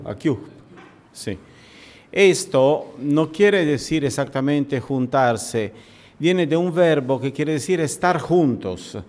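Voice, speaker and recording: A man's voice: mid-range voice, darkish tone. A male teacher giving a classroom lecture, patiently explaining word meanings and putting questions to his students.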